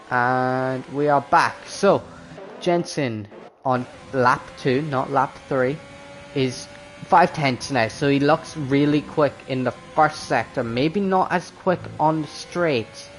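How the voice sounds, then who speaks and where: A man doing live motorsport race commentary as a commentator, excitable when the action picks up. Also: medium pitch, slight background noise.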